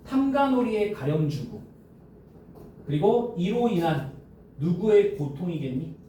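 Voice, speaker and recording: Lively, high-pitched male teacher in an echoey classroom. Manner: lively, questioning students, casual speech. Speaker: high school Korean teacher. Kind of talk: classroom lecture. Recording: echoey classroom from a distance with faint noise.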